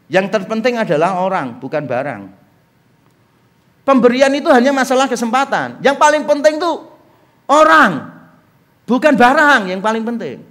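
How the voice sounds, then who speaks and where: A man's voice: extremely high pitch, moderate pace, long pauses. A middle-aged man preaching a sermon as pastor, acting out little dialogues and joking with the congregation. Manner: animated, acts out dialogue and jokes with congregation. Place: church hall.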